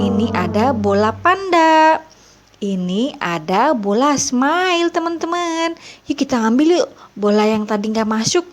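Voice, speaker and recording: A woman narrating playfully for young children, exclaiming often like a kids' party magician and addressing her viewers as friends. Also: sits high. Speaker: children's toy video host.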